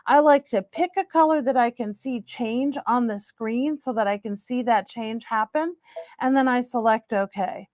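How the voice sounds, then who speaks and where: A woman's voice: on the high side, no room sound. A woman, cheerfully demonstrating a sewing machine technique as an instructor. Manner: upbeat, chatty. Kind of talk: how-to demonstration. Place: sewing store studio.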